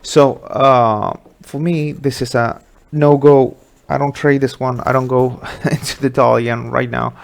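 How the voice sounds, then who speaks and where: A man's voice: mid-range voice, fairly even intonation, a little slow, creaky. A middle-aged man from Sweden hosting a live market webinar, talking casually through charts with many fillers.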